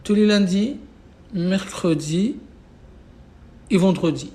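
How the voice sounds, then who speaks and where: Slow and mellow, with a high-pitched voice, an Arabic-speaking man teaches a live online class away from home without a whiteboard. His delivery is casual and insistent, marked by repetition, frequent fillers and restarts.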